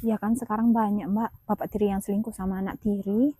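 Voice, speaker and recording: A woman playing a gossipy, insinuating village companion in a domestic melodrama, with a husky voice. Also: medium pitch, level tone, fast, warm tone, dry recording, lightly acted. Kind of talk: Indonesian domestic melodrama acting.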